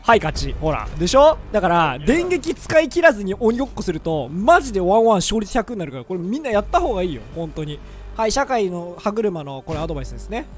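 A man's voice: sits high, big pitch swings, quick pace, soft background music. A man in his twenties giving joking, self-mocking commentary over his gameplay. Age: 20s. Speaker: gaming video creator.

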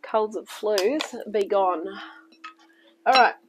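Woman cooking-show host, chatty and reassuring, still weak from illness, mid-pitched, kitchen with faint background hiss. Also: takes it slowly. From New Zealand. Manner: chatty, reassuring, talks the viewer through each step. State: recovering from illness, a little weak, coughing. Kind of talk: casual cooking demonstration. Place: home kitchen, at a table.

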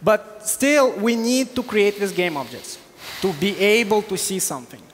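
A high-pitched man in his thirties fields technical questions from a conference audience, explaining step by step with plenty of "uh"s. He wears a headset mic in a big hall, and a long reverb trails his voice. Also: animated, moderate pace, slight background noise. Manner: explanatory, with hesitations. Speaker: conference speaker. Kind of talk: technical Q&A on stage. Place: large hall on stage.

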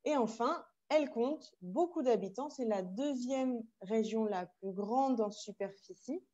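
A French woman leads an online language lesson, explaining slowly and carefully and slipping into Spanish asides for her students. Her voice sits a little high, with a soft, mellow tone. The sound is muffled, as on a video call. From France. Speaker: French teacher.

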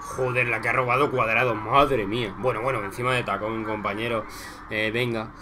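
Medium in pitch and moderate in pace, with a little hiss or hum, a young man from Spain reacts live to football in a Spanish accent. He talks to his viewers like pals, excitable and profane, shouting at goals and muttering in between.

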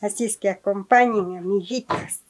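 A middle-aged vlogger with an Andean Spanish accent demonstrates farm cooking in a small, rustic indoor kitchen with a wood fire, speaking to camera in a casual, homely way full of fond diminutives. Her voice is mid-range and her speed normal. A nearby handheld camera or phone picks up clearly noisy audio with clicking kitchen sounds.

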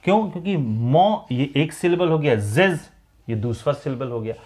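A man teaching an English grammar lesson, explaining slowly and deliberately. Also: a little high, animated, darkish tone. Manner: slow, deliberate explaining, mixing English and Hindi.

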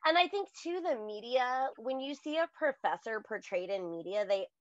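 A woman's voice: on the high side, normal speed, no room sound. A woman guest scholar in casual chat, talking animatedly with lots of fillers. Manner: animated, chatty, frequent "like" fillers. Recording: dull dry lo-fi audio.

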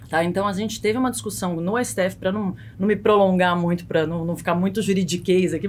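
Here the same kind of guest, a thirtyish woman with a Brazilian accent, speaks in a lowish voice, explaining conversationally and tossing in frequent short tag questions. A boom-mounted studio mic sits close to her in a small studio lined with foam, and slight background noise comes through.

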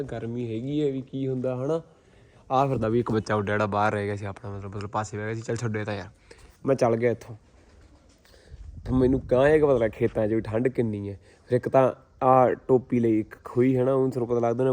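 A man's voice: mid-range voice, a little mellow. A man with a Punjabi accent vlogging casually in an earthy, colloquial way, swearing now and then as he rambles to his viewers. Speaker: vlogger, pigeon keeper. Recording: clear background noise with birds.

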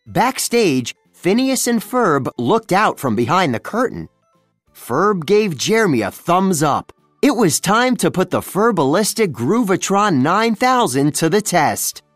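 A children's storybook narrator reading aloud with a lively, up-and-down delivery. The voice is dry and close, with faint music playing softly underneath. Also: medium pitch, a little slow, no room sound. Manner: expressive storytelling. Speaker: storybook reader.

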